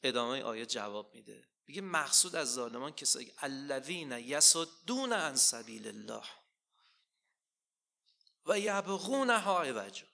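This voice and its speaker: A man preaching a sermon, asking rhetorical questions and slowly quoting scripture with rising emphasis. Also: mid-range voice, big pitch swings, gravelly, bright, forceful tone.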